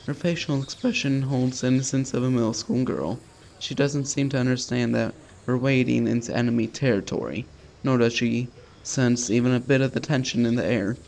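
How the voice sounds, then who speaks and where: Narrating a visual novel let's play, a streamer reads the on-screen text with a medium-pitched, slightly mellow voice marked by vocal fry. His tone is casual, slangy, and offhand, with slight background noise present.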